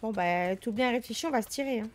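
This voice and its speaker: A woman's voice: a little high, fast talker, slight background noise. A woman giving casual gameplay commentary, speaking informally and directly to her viewers. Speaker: gamer.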